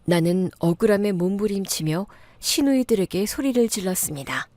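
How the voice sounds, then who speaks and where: A woman giving a steady, low-key scripted first-person narration of a dramatic family story. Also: normal speed, no room sound.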